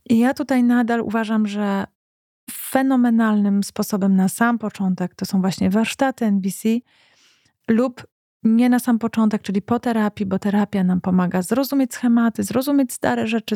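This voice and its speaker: Woman, mellow dry voice, calm reflective educational speaker who questions her listeners. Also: on the high side, no echo. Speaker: psychology speaker.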